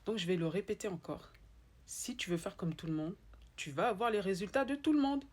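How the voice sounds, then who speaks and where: A woman's voice: medium pitch, a little fast, a little mellow. A woman with an Ivorian French accent giving a motivational monologue, emphatic and repeating her points straight to the listener. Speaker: motivational speaker.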